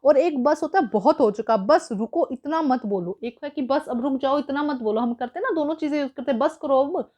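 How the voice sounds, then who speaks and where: A woman's voice: high-pitched, brisk, hardly any pauses, a little mellow. A woman teacher patiently explaining a school worksheet, mixing English words into her explanations.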